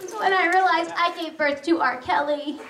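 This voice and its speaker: A woman in her thirties doing a stand-up comedy set in a brash, sarcastic way with quick punchlines. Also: very high voice, a crowd in the background. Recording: echoey room, far from mic.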